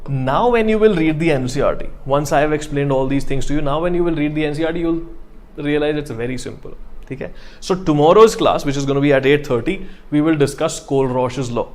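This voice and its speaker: North Indian man teaching, slightly higher voice. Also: quick pace, a little mellow. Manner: explanatory, repeats key phrases, uses Hindi check-in tags. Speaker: online chemistry teacher. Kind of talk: live lecture to students.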